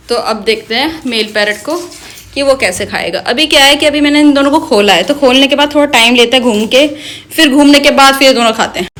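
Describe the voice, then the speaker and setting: A woman's voice: high voice, brisk, fairly bright tone. A woman filming a home vlog on her phone, talking to her parrots in a sing-song voice that turns from scolding to cooing. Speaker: pet vlogger. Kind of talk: casual vlog narration. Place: indoors at home. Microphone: phone held in hand.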